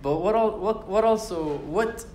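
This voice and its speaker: A young man with a high-pitched, darkish voice teaches an informal Quran class at a measured pace. He speaks casually, with fillers and restarts, and recites Arabic verses. The university lecture room sounds roomy, with slight background noise.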